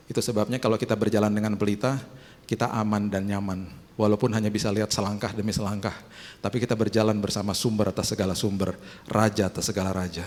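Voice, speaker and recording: A man preaching as a pastor, chatty and conversational, often rising into a much higher, animated tone to press a point. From Indonesia. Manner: conversational, rising to animated high-pitched emphasis. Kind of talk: sermon. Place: church auditorium. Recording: long church hall reverb.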